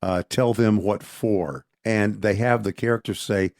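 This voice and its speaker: Low-voiced man, rambling. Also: steady tone, a little slow, a little mellow, dry recording, studio quality. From Texas. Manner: rambling, restarts often. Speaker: podcast co-host. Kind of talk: casual conversation.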